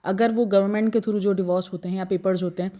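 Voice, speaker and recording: A woman's voice: medium pitch, fairly even intonation, fast talker, dark tone. A woman giving opinionated, casual commentary on online creators, critical and full of rhetorical questions to her audience.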